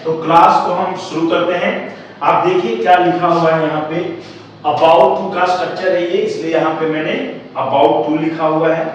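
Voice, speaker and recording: A man teaching an English grammar lesson, repeating phrases and slowly stretching out the key words for emphasis. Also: a little high, little pitch movement. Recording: very echoey room, voice from far off, faint noise.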